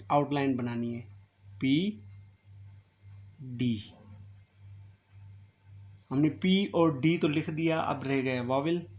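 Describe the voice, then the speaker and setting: A man teaching shorthand step by step, patiently repeating each point and checking "clear?" after every word. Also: mid-range voice, darkish tone. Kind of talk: step-by-step classroom instruction.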